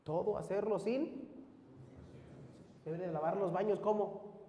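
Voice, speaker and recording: A middle-aged man, preaching a sermon as a pastor, with rhetorical questions and swings between loud and hushed delivery. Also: high-pitched, measured pace. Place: church hall. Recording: echoey hall, faint noise.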